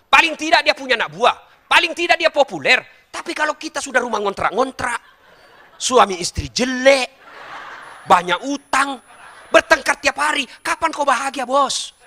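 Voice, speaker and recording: A middle-aged male preacher gives a joking, animated sermon in a high voice. He teases the audience directly, and his pitch swings widely from line to line. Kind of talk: humorous sermon.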